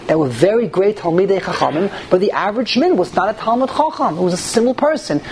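A man gives an informal religious lecture to a group, repeating phrases and asking rhetorical questions. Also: high voice. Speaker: rabbi giving a religious class. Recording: noisy live room recording.

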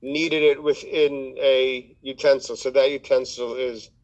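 A man's voice: medium pitch, level tone, a little slow, darkish tone. Man heard through a muffled phone speaker. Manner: asks clarifying questions. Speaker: study partner. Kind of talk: text study over a phone call.

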